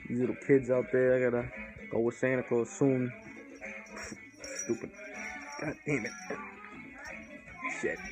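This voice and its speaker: A drunk young man rants casually into a close camera at home. His talk is loose and slangy with swearing thrown in. Music or TV plays clearly in the background. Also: mid-range voice. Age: young adult. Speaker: vlogger in comic drunk-elf persona. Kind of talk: casual rambling rant to camera. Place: indoors on a couch in a living room. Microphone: phone or webcam held close.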